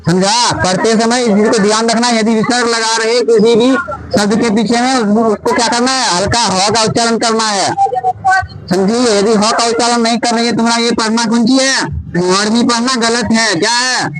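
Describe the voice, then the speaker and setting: A man with a very high voice teaches a grammar class, firing repeated questions at his students and answering them himself. Loud classroom chatter fills the background. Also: steady tone, moderate pace, low-quality recording.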